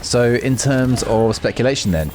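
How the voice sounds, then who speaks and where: Musing aloud as he plays, this gaming video host gives off-the-cuff, unscripted commentary. His mid-range voice is expressive, and he keeps a moderate pace.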